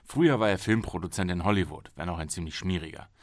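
A weary, defensive journalist answers with irritation in a storybook reading, as a male reader voices him. His voice is lower and close to the reader's own, with a lively pitch, in a dry room. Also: fast, dry recording, lightly acted. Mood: irritated. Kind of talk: audiobook reading.

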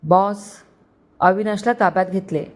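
Woman doing rough male thug, growling threats, coarse. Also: mid-range voice, fairly even intonation, measured pace, lightly acted. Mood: reporting.

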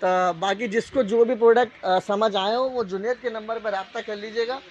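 A man with a Pakistani accent giving a casual, unscripted live sales pitch as a shop salesman, repeating prices and tag phrases. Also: steady tone, normal speed. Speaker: shop salesman hosting a live sale video. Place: indoor appliance store, walking the aisles. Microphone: handheld phone. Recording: dull lo-fi phone audio, shop noise.

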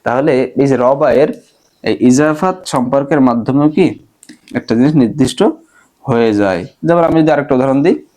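A man's voice: mid-range voice, a little mellow. A man teaching Arabic grammar in an online lecture. He asks his listeners questions and answers them himself, walking through everyday examples. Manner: slows down and gives everyday examples.

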